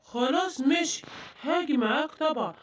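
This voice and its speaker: A woman voicing a calm, helpful spider hero in a cartoon, with an Egyptian Arabic accent and a soft manner. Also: high-pitched, a little fast.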